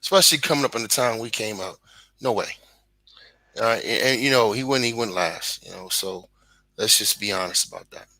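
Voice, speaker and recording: A man in his forties with a thick Brooklyn accent speaks bluntly and emphatically, swearing freely as a guest on a video call. His low voice is gravelly and bright. The sound is dry and close. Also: fairly quick, dry recording, low-quality recording. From Brooklyn, New York. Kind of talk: casual livestream chat.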